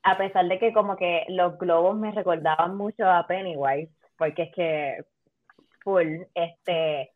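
A woman's voice: fairly low pitch, unhurried. Spanglish-speaking woman, phone-like sound. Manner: Spanglish, mixing English words into Spanish. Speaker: panelist in a film discussion. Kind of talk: casual chat, film review. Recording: thin, phone-like, roomy sound.

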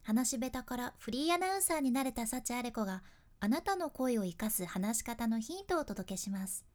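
A woman's voice: fairly high pitch, expressive, fairly quick, a little mellow. A woman podcast host, a freelance announcer with a Kyushu accent, mixing polished announcer delivery with chatty dialect asides. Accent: Kyushu Japanese. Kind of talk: casual podcast talk with tips.

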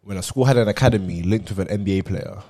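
A man's voice: lowish voice, fast talker, mellow. A young man with a London roadman accent, chatting casually with friends in street slang. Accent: London roadman, multicultural London street. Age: young adult.

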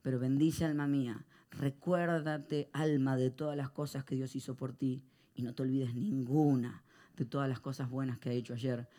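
A male pastor, preaching a sermon to a live congregation and swinging between hushed reflection and loud, animated storytelling. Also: mid-range voice, normal speed.

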